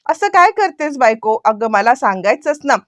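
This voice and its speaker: A woman's voice: on the high side, very animated, moderate pace, no echo, clean studio sound. A woman reading the lines of a protective, determined husband in her serial retelling. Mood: earnest.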